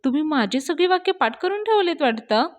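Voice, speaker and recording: A warm, pleading young man, teasing gently and slipping into homely rustic sayings, as a woman retells his lines. The voice sits a little high and the words come in an easy, coaxing flow. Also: animated, brisk. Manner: coaxing, rustic idioms, calls her "madam".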